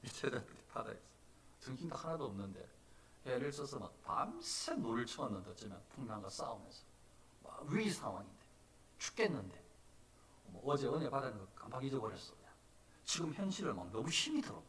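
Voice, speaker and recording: A man preaching a sermon as pastor, animated, moving from soft talk to loud cries. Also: mid-range voice, a little fast, far from the mic, slight background noise. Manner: animated, swings from soft to shouting. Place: church sanctuary.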